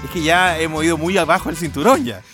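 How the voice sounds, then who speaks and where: A man with a Chilean accent co-hosting a podcast, telling stories in a playful, relaxed and chatty way. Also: fairly high pitch, fast talker, music in the background. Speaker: podcast co-host. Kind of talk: casual podcast chat.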